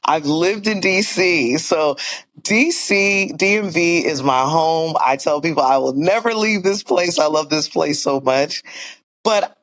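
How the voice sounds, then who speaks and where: A man's voice: a little high, a little slow, fairly bright tone, poor audio. A man in his forties from Virginia, talking earnestly and upbeat as a guest in a casual interview, with many "you know" fillers. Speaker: school board member, guest.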